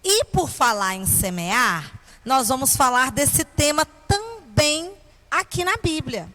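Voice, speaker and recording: Brazilian woman, children's Bible teacher. Kindergarten-teacher delivery, highish pitch, very unhurried, question-led. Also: very animated, a bit bright. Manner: kindergarten teacher voice, simple didactic phrasing addressed to children.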